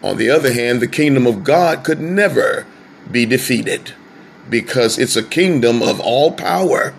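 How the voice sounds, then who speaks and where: A man preaching a sermon, slow and drawn out, lifting his voice on key words. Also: medium pitch, expressive, vocal fry, a little hiss or hum.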